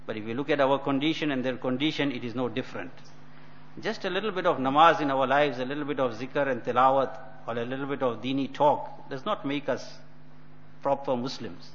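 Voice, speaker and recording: Higher-voiced male preacher, muffled recording. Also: a bit bright. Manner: admonishing, deliberate phrasing with repeated points. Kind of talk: religious lecture explaining a text. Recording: dull lo-fi audio, faint noise.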